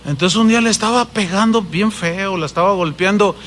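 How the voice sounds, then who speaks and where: A man preaching a sermon as a pastor, with a Mexican Spanish accent, animated and swinging between loud and hushed delivery. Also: high voice, a little fast, big-room sound.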